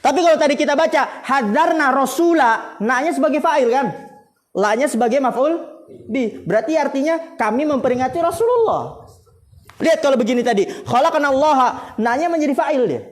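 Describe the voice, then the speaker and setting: A man's voice: extremely high pitch, very animated, a little fast. A man with an Indonesian accent teaching an Arabic grammar class, quizzing his students and laughing often. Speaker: Islamic boarding school teacher.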